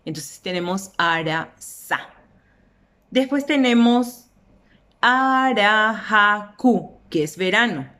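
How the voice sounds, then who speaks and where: Slow, deliberate Paraguayan teacher woman. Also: medium pitch. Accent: Paraguayan Spanish. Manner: slow, deliberate, stretches out example words. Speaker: language teacher. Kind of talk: explanatory lesson.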